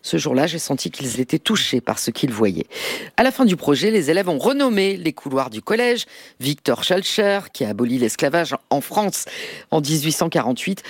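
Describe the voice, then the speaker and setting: A woman journalist reading a scripted press review on morning radio, quoting testimonies in a measured, clear delivery. She is recorded in a radio studio. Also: low-pitched, darkish tone, no echo.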